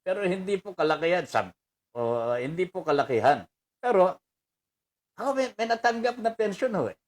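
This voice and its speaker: A man's voice: high voice, very animated, normal speed. An older man with a Filipino accent, hosting a commentary show, reading viewer greetings aloud in a chatty way and laughing often. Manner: chatty, laughs often, mixes in English phrases. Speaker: radio commentator host reading viewer messages. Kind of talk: casual on-air commentary.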